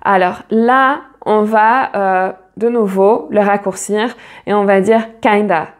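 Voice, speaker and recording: Slow-talking woman teaching a lesson. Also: mid-range voice, steady tone. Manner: slow, explains step by step, repeats phrases. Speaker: English teacher. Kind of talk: casual video lesson.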